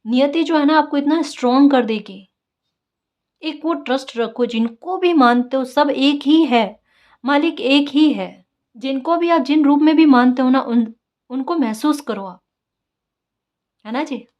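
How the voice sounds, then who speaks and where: A woman's voice: high-pitched, a little slow, a little mellow, muffled recording. A woman tarot reader giving casual spiritual guidance, coaxing and encouraging, often asking her listeners "right?" and repeating key phrases.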